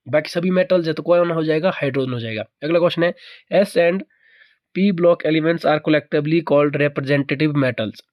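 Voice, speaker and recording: A man teaches an exam-prep chemistry lesson in a somewhat high voice. He keeps asking the viewer questions and answering them himself, repeating the key points. The sound is dry and close to the mic. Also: no echo.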